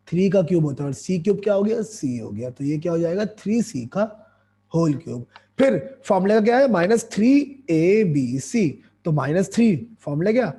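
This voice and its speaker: A hoarse man teaching a math lesson, explaining each step and asking his students questions as he goes. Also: a little high, dark tone.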